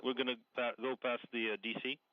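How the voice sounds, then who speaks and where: A man on a space-to-ground radio loop, making clipped, methodical procedural callouts with pauses. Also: medium pitch, level tone. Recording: dull lo-fi radio with faint static and clicks.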